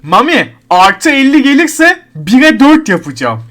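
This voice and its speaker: A man's voice: very high voice, huge pitch swings, unhurried, fairly bright tone. A man giving gameplay commentary at his computer, counting numbers under his breath and grumbling in frustration at an item. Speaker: online game streamer.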